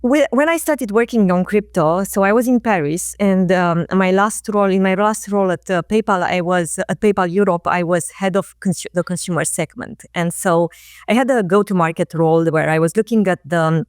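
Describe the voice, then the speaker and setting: A woman, a guest talking casually and reflectively in an interview, often pausing on fillers and restarting phrases. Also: on the low side, smooth, dry recording, clean studio sound. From Romania. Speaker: guest, marketing executive.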